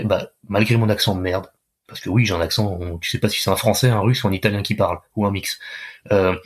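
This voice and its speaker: Deep husky-voiced man chatting. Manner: loose, chatty, frequent restarts and fillers. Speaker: fitness coach. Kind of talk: casual interview talk.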